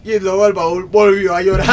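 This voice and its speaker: A young man with a Mexican Spanish accent tells crude stories and laughs a lot while chatting casually with friends. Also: sits high. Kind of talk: casual chat among friends. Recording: distant mic with loud crowd noise.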